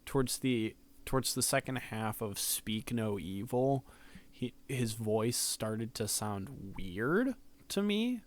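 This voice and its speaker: A man's voice: mid-range voice, lively intonation, takes it slowly. A man casually reviewing rap albums, sleepy and yawning late at night, rambling with many ums on a close mic. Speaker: music reviewer. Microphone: close mic that can peak.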